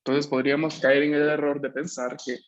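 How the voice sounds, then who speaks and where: A man's voice: fairly high pitch, flat delivery, brisk. A man teaching an online language class, explaining patiently, repeating key points and checking that students follow. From Peru. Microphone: video call. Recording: slightly muffled video-call audio.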